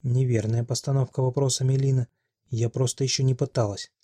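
Cold sardonic princess, husky and low-key, man reading. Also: flat delivery, brisk, mellow, dry recording, lightly acted. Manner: dry, curt, sardonic. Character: cold, haughty young woman, a cursed princess.

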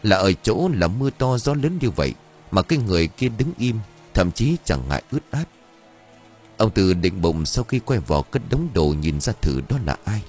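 A man narrating a ghost story aloud in an expressive storytelling way. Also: low-pitched, moderate pace, soft background music. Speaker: audiobook narrator.

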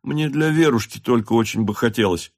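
A man's voice: medium pitch, brisk, a little mellow, dry recording, clean studio sound, close to an everyday voice. A man reading a novel aloud, voicing a fawning, self-satisfied officer who asks favours politely. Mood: ingratiating. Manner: ingratiating, polite.

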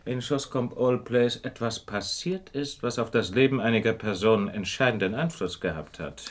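A man acting Sherlock Holmes, a shrewd, courteous gentleman detective, in a radio play with an urbane, deliberate, theatrical delivery. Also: medium pitch, natural voice. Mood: assured, reflective.

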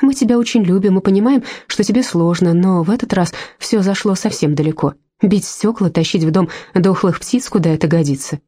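A woman's voice: mid-range voice, a little fast, hardly any pauses, mellow, husky, natural voice. A woman voicing a caring but insistent female friend in an audiobook, pleading and persuasive. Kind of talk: audiobook character voice.

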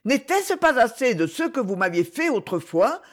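A man's voice: very high voice, very animated, moderate pace, pitched above the performer's own voice. A man voicing a distraught young woman who fiercely protects her brother, in a storybook reading. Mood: bitter.

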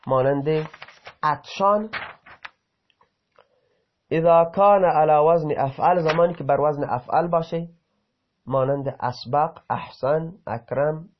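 A man's voice: a little high, pauses often, a little hiss or hum. A man teaching an Arabic grammar lesson, reading example sentences aloud and then explaining them, sometimes breaking off to correct himself. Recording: dull lo-fi recording.

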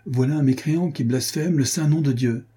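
An unctuous cheating gambler who talks like a churchman, put on by a man reading an audiobook. The voice sits higher than the reader's own but keeps his dark, husky grain. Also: brisk, lightly acted. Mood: sanctimonious. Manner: unctuous, sanctimonious. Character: pious-talking cheating male card sharp.

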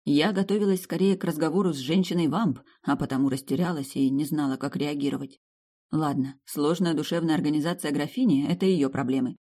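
A woman narrates a first-person audiobook in a calm, even storytelling manner. Her voice is low and mellow, with an unhurried, warm evenness. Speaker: audiobook reader.

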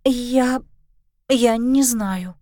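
A woman reading a storybook, voicing an earnest, careful young heroine in a steady voice. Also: fairly high pitch, extremely slow, no room sound, studio quality.

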